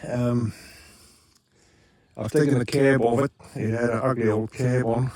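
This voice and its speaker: The South African vlogger speaks unhurriedly in a mid-range voice that barely moves in pitch and sounds a little mellow. His home vlog from a rural homestead is casual and rambling, full of ums and self-corrections.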